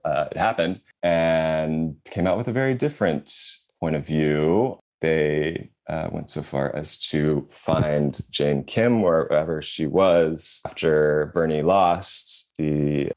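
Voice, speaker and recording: A man's voice: rumbling low, a little mellow. A man hosting a podcast in casual chat, reading press quotes aloud with wry asides. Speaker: podcast host.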